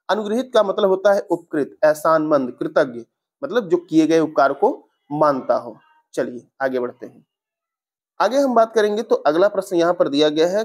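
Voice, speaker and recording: A man's voice: a little high, darkish tone. A young male teacher walking through exam spelling answers step by step in an online lesson, often correcting himself mid-sentence.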